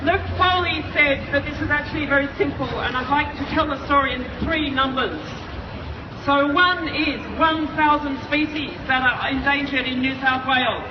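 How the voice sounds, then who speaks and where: A woman's voice: high voice, fairly even intonation, moderate pace. A woman giving a protest speech as an urgent activist, repeating phrases for emphasis. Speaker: wildlife volunteer group representative, protest speaker. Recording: echoey distant outdoor PA, crowd, traffic noise, muffled.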